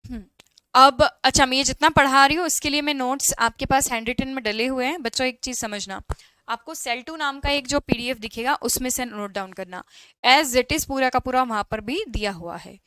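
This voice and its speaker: A woman with a high, bright, smooth and clear voice teaches an online class, explaining in Hindi and slowly reading English questions aloud. She answers students' chat questions by name. The recording is dry and close, with no room sound.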